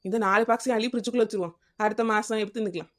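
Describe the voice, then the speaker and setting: A woman's voice: medium pitch, rapid-fire, lightly acted. A woman voicing a scatterbrained housewife in a comedy cartoon, chattering and wheedling, with a Kanyakumari Tamil accent. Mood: grumbling. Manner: chattering, wheedling, repeats the neighbour's name.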